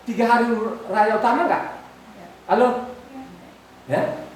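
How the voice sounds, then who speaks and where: A woman's voice: fairly high pitch, a little slow, a little hiss or hum. Exhorting woman preacher in an echoey room. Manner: exhorting, asks the congregation questions, repeats words. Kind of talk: sermon. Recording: echoey room, far from the mic.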